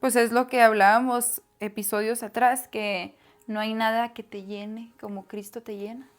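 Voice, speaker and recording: A woman's voice: fairly high pitch, flat delivery, normal speed. A woman co-hosting a casual Bible discussion, agreeing and adding reflections. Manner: agreeable, fills in with frequent "ujú" and echoes. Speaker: Bible study co-host.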